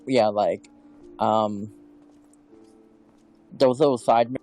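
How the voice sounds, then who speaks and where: A man's voice: fairly low pitch, steady tone, mellow, faint music behind. Man on voice chat, audio cutting out. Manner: halting, trails off mid-word. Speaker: gamer on voice chat. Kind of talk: casual chat while gaming. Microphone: phone on push-to-talk voice chat.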